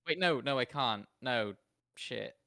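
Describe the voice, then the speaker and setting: A man's voice: medium pitch, expressive, measured pace, vocal fry, sharp tone, no echo. Man playing a tabletop game, dry sound. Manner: thinking aloud, correcting himself. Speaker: player. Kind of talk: casual tabletop game play.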